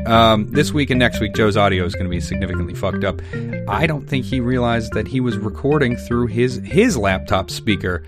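Low-voiced man hosting over guitar music. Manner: informal, sweary. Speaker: podcast host. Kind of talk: casual chat.

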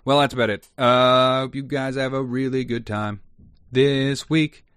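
A man's voice: medium pitch, fairly even intonation, measured pace, fairly bright tone, clean tone, dry recording, clean studio sound. A man hosting a podcast in an informal, sweary, chatty way. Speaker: podcast host. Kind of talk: casual chat.

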